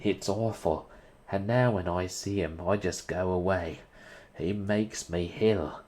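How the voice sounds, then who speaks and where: A man's voice: deep voice, takes it slowly, a little mellow. A man voicing a blunt young Cockney servant who drops his aitches. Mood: uneasy. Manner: dropped aitches, rough working-class speech.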